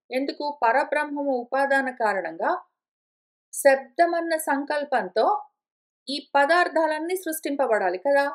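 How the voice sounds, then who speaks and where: Woman, high voice, scripture lesson, chatty explaining, slows for recited verses. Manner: conversational, repeats and rephrases points, slows to recite verses. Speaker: teacher of scripture.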